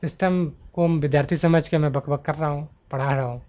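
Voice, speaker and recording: A man's voice: a little high, fairly even intonation, a little fast, darkish tone. A man teaching a grammar exam-prep lesson into a mic at his laptop, thinking aloud and correcting himself as he goes. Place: at home before a laptop. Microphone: handheld mic at a laptop. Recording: dull lo-fi mic sound.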